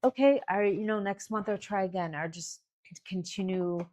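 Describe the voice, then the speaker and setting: A woman's voice: medium pitch, normal speed, a little mellow. A woman hosting a live Q&A stream, chatting casually and giving health advice to callers.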